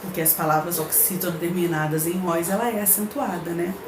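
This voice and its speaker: Her voice fairly low, steady and brisk, a female primary school teacher with a Brazilian Portuguese accent records a remote lesson. She reads from the textbook, patiently explains and checks on her pupils, and the room echoes with faint background noise.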